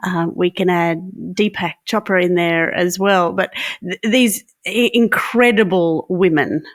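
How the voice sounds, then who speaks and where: A woman hosts a podcast and asks long, winding questions in an admiring tone. She speaks at an unhurried, measured pace and backs her guest with soft murmurs. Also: on the low side, dry recording, studio quality. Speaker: podcast host. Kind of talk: interview conversation.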